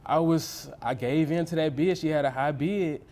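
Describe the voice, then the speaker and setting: A man's voice: fairly high pitch, normal speed, darkish tone. Hesitant man testifying in court. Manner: hesitant, repeats words, many fillers. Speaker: litigant in a TV court case.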